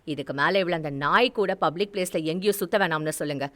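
A woman voicing a furious, heartbroken elder brother who shouts, scolds and gives orders. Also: high-pitched, expressive, brisk. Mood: stern commanding. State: tearful.

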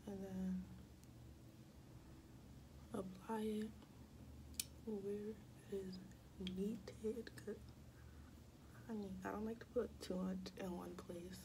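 A young woman chatting casually in a vlog, often dropping into soft whispers, in a small dorm room. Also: medium pitch, fairly even intonation, slow pace, long pauses, background noise. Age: young adult. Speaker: vlogger.

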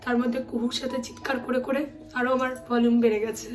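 Woman vlogger, 30s, hoarse, high-ish, faint music behind. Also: level tone, a little fast. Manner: chatty, storytelling. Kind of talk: casual vlog narration.

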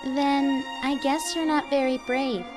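A woman's voice: high-pitched, steady tone, unhurried, music in the background. A woman playing a cool, manipulative little sister in an amateur radio play, detached and taunting.

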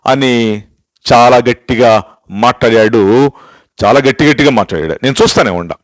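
A man's voice: mid-range voice, normal speed, no room sound, poor audio. An older man, a pastor, giving an emphatic sermon-style testimony, telling stories, asking rhetorical questions and switching into English phrases for emphasis. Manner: storytelling with repeated rhetorical questions.

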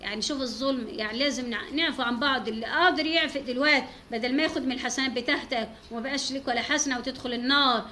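A woman's voice: high voice, racing, few pauses, sharp tone, a little hiss or hum. An Egyptian woman giving an informal religious talk as a teacher, devout and full of pious exclamations.

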